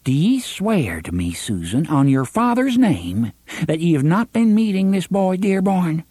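A man's voice: sits high, very animated, a little slow, warm tone, husky, no echo, pitched above the performer's own voice, heavily acted. A shrieking, pious older aunt, her voice climbing far above his own. She speaks in old-fashioned "thee" and "ye" and comes across as frantic and domineering. Her lines sound dry and close. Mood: shrill pleading.

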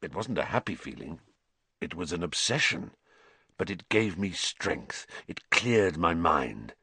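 A man voicing a gaunt, haunted male fugitive who speaks low, quietly and with a croak for an audiobook. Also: big pitch swings, measured pace, no echo, exaggerated voice. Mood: brooding. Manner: quiet, brooding. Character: gaunt, haunted escaped male prisoner, bitter, intense.

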